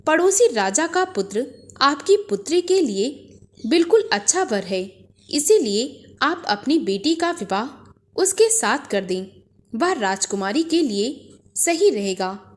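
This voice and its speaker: A woman's voice: high-pitched, very animated, slow pace, heavily acted. A woman voicing a deferential royal messenger. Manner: formal, deferential report. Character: royal male messenger reporting to the king.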